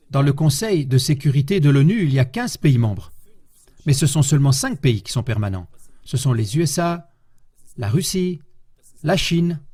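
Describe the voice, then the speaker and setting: A man giving a public lecture as a historian, speaking in a measured way and putting rhetorical questions to his audience. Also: medium pitch, darkish tone.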